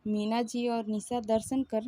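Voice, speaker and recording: A woman telling a romantic story in a gentle, emotional narrating voice. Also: fairly high pitch, flat delivery, unhurried.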